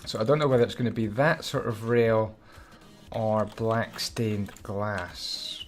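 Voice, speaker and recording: A man's voice: on the low side, steady tone, a little slow, soft background music. Chatty Scottish man narrating a build. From Scotland. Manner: chatty, hums and mutters while concentrating. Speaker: Minecraft YouTuber. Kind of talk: casual build commentary.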